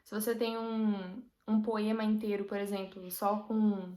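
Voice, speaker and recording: A woman's voice: mid-range voice, level tone, unhurried, warm tone. A woman with a Brazilian Portuguese accent, teaching a casual language lesson and patiently explaining with everyday examples. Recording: roomy echo.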